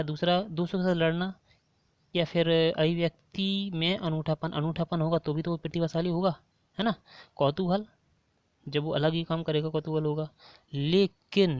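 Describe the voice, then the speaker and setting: A man's voice: on the high side, smooth, dry recording, muffled recording. A man with a Hindi accent giving an online exam-prep lesson, repeating each question and prompting viewers to answer.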